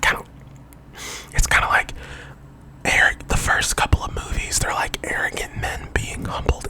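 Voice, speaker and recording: An ASMR video creator, a young adult, keeps to a whisper for an entire rambling, casual monologue that wanders off topic. The pitch is medium and the audio quality is poor.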